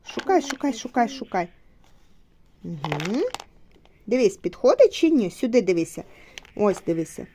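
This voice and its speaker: A woman's voice: medium pitch, very animated, normal speed, pauses often, mellow, a little hiss or hum. A young woman, a mother, patiently teaching her child at home and explaining to viewers, encouraging him and repeating short instructions.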